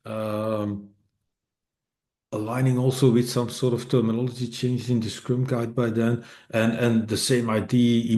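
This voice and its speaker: In a warm, mid-range voice, a middle-aged man whose first language is Dutch presents informally in English to an online meetup. An author and speaker, he's hesitant and heavy on fillers and restarts, with a wry tendency to put himself down.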